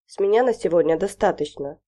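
A stern, furious mother who barks her commands, as a woman reads her. The voice is loud and raised, with a dark, weighty timbre. It is an audiobook reading. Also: fairly low pitch, brisk, lightly acted. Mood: angry. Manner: commanding, shouting.

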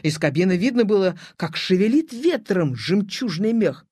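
A narrator reading a children's story aloud in an expressive, animated storytelling manner, close to the mic. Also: medium pitch, normal speed, breathy edge, no room sound.

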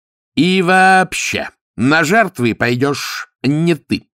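A man's voice: fairly high pitch, animated, slow pace, a bit bright, clean tone, no echo, clean studio sound, voice pushed up. A man voicing a scheming, persuasive male cousin in an audiobook, speaking insistently and with lots of animation.

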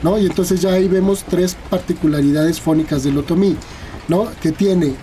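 Mexican guy, linguist guest, kinda high voice, lots of "eh" and "no?", faint hiss behind. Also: steady tone, normal speed, warm tone. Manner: hesitant, many fillers and tag questions. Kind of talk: explanatory interview talk.

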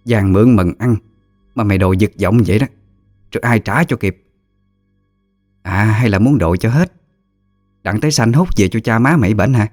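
A man's voice: lowish voice, normal speed, long pauses, a little mellow, no echo, studio quality, faint music behind, lightly acted. A man voicing a stubborn, scornful old mother-in-law, talking in curt, clipped bursts.

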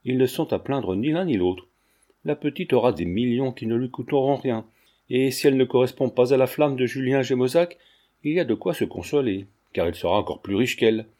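A sly young gentleman who teases his mistress with easy, mocking charm, as a male audiobook reader puts him on. The voice is mellow and warm, at a middling pitch, and it keeps a light, amused edge throughout. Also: expressive, a little fast, close to an everyday voice. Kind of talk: audiobook character reading.

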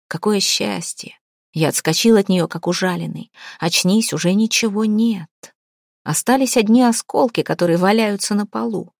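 A woman's voice: mid-range voice, creaky, darkish tone, dry recording, studio quality. A woman reading a first-person novel aloud as an audiobook narrator, acting out the dialogue with drama. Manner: dramatic reading, voicing the quoted lines. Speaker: audiobook reader.

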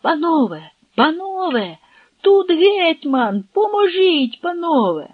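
A narrator voicing a desperate young male servant who shouts for help and later speaks through pain. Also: very high voice, expressive, drawn-out words, breathy edge, no room sound, phone-quality sound, pitched above the performer's own voice, heavily acted. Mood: desperate shouting. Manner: shouting, crying out. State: wounded, in pain. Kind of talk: audiobook narration.

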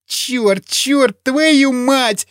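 A man's voice: drawn-out words, fairly bright tone, no room sound, clean studio sound, full character voice. A man voicing a panicky, foul-mouthed wounded young man who cries out in frantic bursts. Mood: panicked. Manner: shrill, frantic, cursing.

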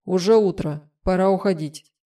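A woman voicing a gentle, playful young male humanoid in an audiobook, speaking with calm, cheerful reassurance. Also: fairly low pitch, moderate pace, close to an everyday voice.

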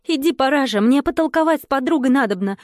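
A woman's voice: on the high side, steady tone, a little slow, darkish tone, no echo, clean studio sound, voice pushed up, natural voice. A woman voicing a sick young village woman who speaks in a tearful, urgent way. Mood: distraught.

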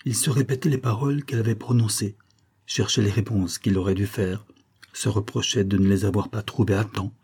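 Low, mellow male narrator. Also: steady tone, a little fast, husky. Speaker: audiobook narrator. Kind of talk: scripted narration.

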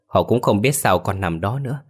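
Man putting on a worried old mom in a ghost story, cries out for her son, higher than his own voice. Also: expressive, normal speed, breathy edge. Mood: gentle worried. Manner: tearful crying out, raised pitch. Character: older village mother, anxious and doting on her son.

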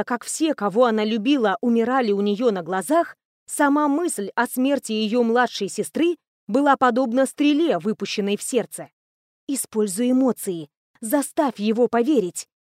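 A woman reads a fantasy novel aloud in a steady, even narration. Her voice sits fairly high. The sound is dry and close to the mic. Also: dry recording. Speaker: audiobook narrator.

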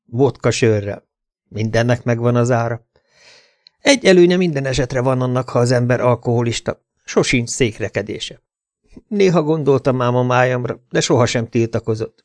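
A man's voice: mid-range voice, a little mellow, no echo. Man reading a crime audiobook, dry close sound. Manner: dry first-person narration with voiced cops. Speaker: audiobook narrator.

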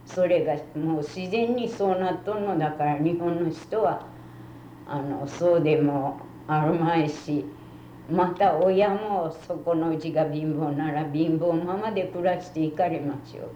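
An elderly woman with a western Japanese accent, talking in a measured, politely old-fashioned way as she is interviewed about her life and views. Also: low voice, warm tone. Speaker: oral history interviewee. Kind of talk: reminiscing interview talk. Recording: muffled, roomy, faintly noisy tape recording.

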